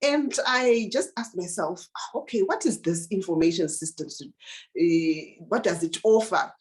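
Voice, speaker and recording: A woman from Zimbabwe with a lowish voice recounts her upbringing as a guest on a talk show. She speaks earnestly, pausing on fillers and restarting her sentences as she goes. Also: animated, a little mellow. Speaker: guest, digital marketing consultant. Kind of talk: interview answers, personal story.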